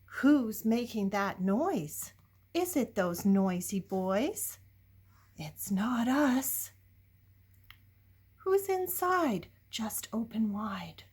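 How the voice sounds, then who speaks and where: Extremely slow and very animated, an older woman reads a picture book in a husky, slightly high voice. She makes it playful and dramatic for her young audience, putting questions to them and shifting from hushed whispers to loud exclamations.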